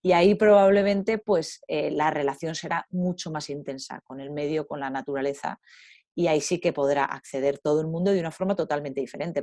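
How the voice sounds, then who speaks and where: A woman talking in an interview, a lively storyteller who acts out the voices of others. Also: sits low, no room sound, clean studio sound. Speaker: guest. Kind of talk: conversational interview.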